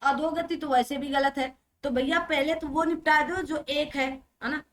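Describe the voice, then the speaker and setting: A young woman teacher running an exam-prep grammar lesson, briskly drilling and repeating words and asking rhetorical questions. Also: high-pitched, fairly even intonation, a bit bright, a little hiss or hum.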